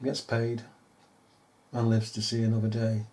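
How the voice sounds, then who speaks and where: A man's voice: mid-range voice, completely flat delivery, a little slow, a little mellow. A man giving a casual, sarcastic commentary over news footage, mocking and often laughing. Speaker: video commentator.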